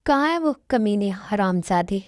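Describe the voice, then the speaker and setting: A woman's voice: medium pitch, lively intonation, measured pace, a little mellow, dry recording, clean studio sound, voice pushed down, lightly acted. A woman voicing a curt, commanding young male mafia boss in a fan dub. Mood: menacing. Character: young male mafia king, cold and angry. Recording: music in background.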